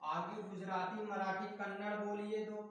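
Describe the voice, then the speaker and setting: A man with a high voice teaches slowly and deliberately, asking questions and answering them himself as he builds up memory tricks for his class. His voice booms around a very echoey room. The mic sits well away from him. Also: flat delivery, a bit bright, far from the mic. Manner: playful, asks and answers his own questions. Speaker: coaching teacher. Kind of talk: classroom lecture with mnemonics.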